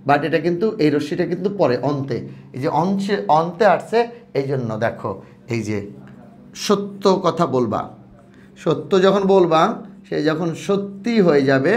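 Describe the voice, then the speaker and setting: Slow-spoken male teacher, higher voice. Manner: slow, drawn-out, repeats words for students. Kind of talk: exam-prep lesson.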